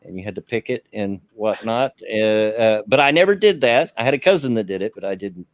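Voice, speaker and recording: A man's voice: on the low side, lively intonation, a little fast, no room sound. A man in his fifties hosting a casual livestream chat from home, rambling and reading chat messages aloud. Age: 50s. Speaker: stream host. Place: home, on a laptop camera.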